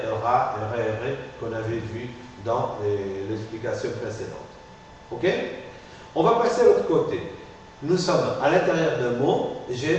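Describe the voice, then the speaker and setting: A male phonetics teacher explains step by step, pausing often to ask "ok?". He sounds far from the mic, with a long, ringing room echo. A faint hiss sits under the voice. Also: medium pitch, darkish tone. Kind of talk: classroom lecture. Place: classroom.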